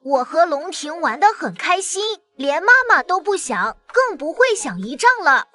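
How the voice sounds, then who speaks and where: A cheeky little boy about to start kindergarten, voiced by a woman in a cartoon drama. His voice is very high and leaps all over, with a chatty, blunt, childlike way of talking. Soft music plays behind him. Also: sing-song, normal speed, exaggerated voice. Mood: chirpy. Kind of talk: animated drama dialogue.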